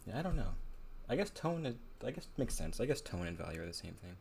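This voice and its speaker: Deep-voiced guy painting on a livestream, rambly and self-deprecating, faint background noise. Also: very animated, fast, creaky, a little mellow. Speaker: painter streaming live. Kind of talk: casual livestream chat while painting.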